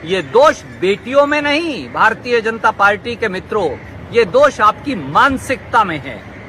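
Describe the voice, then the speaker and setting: A man's voice: high voice, very animated, a little slow. A man making a political protest statement in a declamatory, accusing way. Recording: faint noise behind voice.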